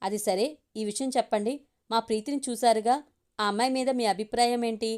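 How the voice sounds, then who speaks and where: A woman voicing a tactful, witty wife who speaks softly and persuasively. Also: a little high, fairly quick, lightly acted. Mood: gentle. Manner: soft, persuasive.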